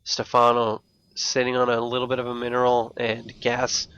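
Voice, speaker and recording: A man with a lisp and slushy s sounds, giving excitable live esports commentary and thinking aloud. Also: medium pitch, normal speed, smooth, no echo, lo-fi sound. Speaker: esports shoutcaster. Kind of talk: live StarCraft match commentary.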